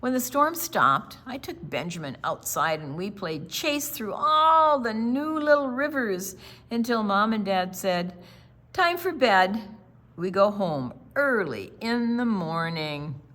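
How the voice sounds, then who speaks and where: An older woman, acting as storytime reader, shares a picture book with children in a dramatic, deliberate style, dropping into hushed conversational asides now and then. Her pitch is medium and her delivery animated.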